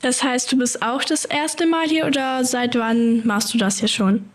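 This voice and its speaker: A woman's voice: high voice, steady tone, unhurried. A woman interviewing carers, asking short, polite questions.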